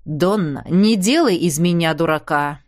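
A woman reading the part of a stern elderly male clan head in an audiobook, curt and commanding, in a lowered voice. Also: measured pace, natural voice.

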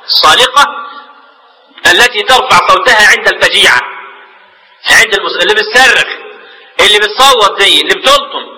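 Fast, bright-voiced Egyptian sheikh lecturing. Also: male voice, high-pitched, big-room sound, poor audio. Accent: Egyptian Arabic. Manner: explains in lively colloquial asides, repeats words while searching. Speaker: sheikh teaching jurisprudence. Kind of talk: religious lecture.

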